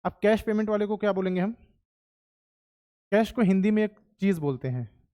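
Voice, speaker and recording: A man's voice: high-pitched, expressive, moderate pace, mellow, smooth. A man teaching history to a class of exam students, chatty and often checking that they follow.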